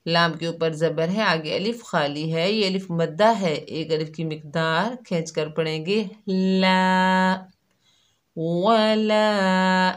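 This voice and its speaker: A woman teaching Quran reading step by step, calmly explaining each letter and drawing out the demonstrated syllables. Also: sits low, faint music behind. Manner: patient, drawn-out syllables when demonstrating. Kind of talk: slow step-by-step recitation lesson.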